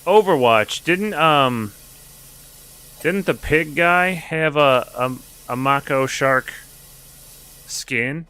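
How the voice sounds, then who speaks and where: A man's voice: a little high, extremely slow, long pauses, pushed and bright, clear, resonant tone. A man streaming a video game, chatting casually with jokes and swearing as he plays. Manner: chatty, joking, profane. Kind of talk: casual gameplay commentary.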